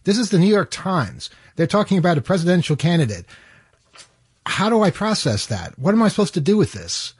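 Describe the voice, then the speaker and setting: Male talk radio host; slightly high, husky, halting casual chat, close dry sound. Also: big pitch swings, no room sound.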